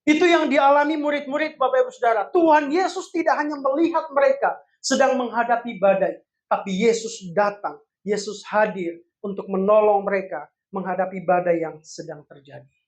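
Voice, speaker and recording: High-voiced woman preaching a sermon. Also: normal speed. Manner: addresses congregation as Bapak Ibu Saudara, dramatic swings in loudness.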